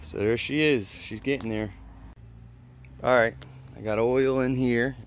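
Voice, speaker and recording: With a medium-pitched, steady voice and a slightly slow delivery, a man casually explains his pressure washing build one step at a time. The recording, made outdoors on a concrete patio with a handheld phone behind the camera, carries a little hiss or hum.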